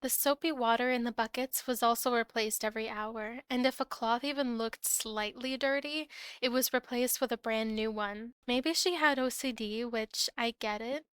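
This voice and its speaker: Clear-voiced Canadian woman telling casual stories. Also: a little high, fairly even intonation, moderate pace, fairly bright tone, no room sound. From Ontario, Canada. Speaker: storyteller recounting past food service work. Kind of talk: casual storytime narration.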